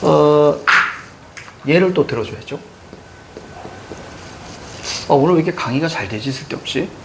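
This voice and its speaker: A middle-aged man from Seoul lectures a classroom on grammar. His voice sits high and swings widely in pitch as he chats and teases his students. Faint room noise hangs behind him. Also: unhurried, roomy sound. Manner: lively, chatty, teasing asides to students. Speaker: Korean grammar teacher.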